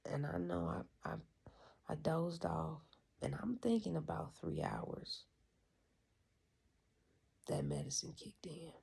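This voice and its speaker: A vlogger giving a candid, profane personal recap in a hushed, often half-whispered voice, reflective and frank. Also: mid-range voice, sing-song, slow pace, gravelly, long pauses, breathy edge.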